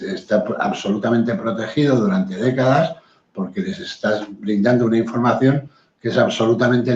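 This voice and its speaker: A man's voice: mid-range voice, darkish tone. Blunt man, roomy lo-fi sound. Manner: blunt, assertive, hesitant fillers. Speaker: guest. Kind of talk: live-stream conversation.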